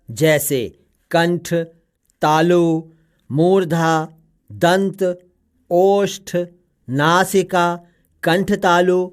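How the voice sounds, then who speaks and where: A woman voicing a patient old male parrot who teaches pronunciation slowly and carefully in a cartoon story. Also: lowish voice. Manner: slow, careful, spelling out each sound.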